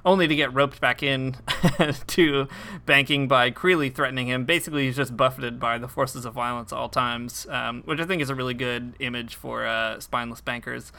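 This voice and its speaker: Bright, clear-voiced man chatting casually. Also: mid-range voice, fairly even intonation, normal speed. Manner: laughs often, with many fillers and restarts. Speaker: podcast co-host. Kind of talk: casual chat about a TV episode.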